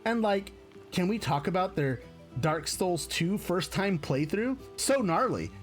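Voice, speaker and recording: A man's voice: high-pitched, animated, unhurried, soft background music, voice pushed up. A man voicing a bubbly young Valley Girl woman who gushes in slangy chatter. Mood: gushing.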